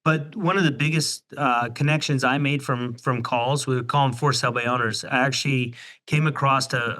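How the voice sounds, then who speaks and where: A man's voice: medium pitch, fairly bright tone. A man co-hosting a casual real estate chat, easygoing, asking questions and sharing stories with plenty of fillers. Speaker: podcast co-host and real estate agent.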